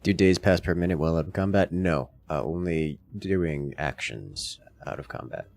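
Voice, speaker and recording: A man's voice: deep voice, moderate pace, creaky, darkish tone, faint music behind. A man playing a game with friends, giving dry, matter-of-fact callouts. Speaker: co-player. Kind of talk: casual gaming chat.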